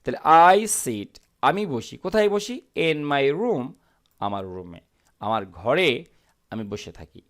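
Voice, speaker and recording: A man teaching English to beginners, explaining in Bengali with a lively pitch that swings up on his questions and down on his answers. He reads each English sentence slowly and carefully, then asks and answers his own questions.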